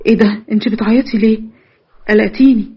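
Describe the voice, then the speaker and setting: A woman's voice: on the high side, steady tone, fast talker, breathy edge, muffled recording. Woman playing a pushy Egyptian younger sister. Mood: insistent. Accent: Egyptian Arabic. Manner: insistent, frantic.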